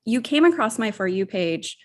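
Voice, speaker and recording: A woman's voice: fairly high pitch, very animated, moderate pace, darkish tone. A woman hosting a casual interview, asking questions in a friendly, upbeat way and laughing often. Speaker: podcast host interviewer.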